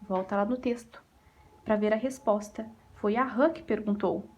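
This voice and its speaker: A woman's voice: medium pitch, fairly even intonation, moderate pace. A woman with a Brazilian Portuguese accent, a primary school teacher going over exercises in a recorded remote lesson, patiently asking and answering her own questions.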